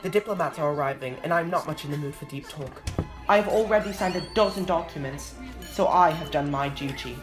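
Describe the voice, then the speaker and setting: A genial storybook prince who speaks in a regal, unhurried drawl, as a woman reading aloud puts him on. The voice sits low and lordly. Music plays under the reading. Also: natural voice. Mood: weary.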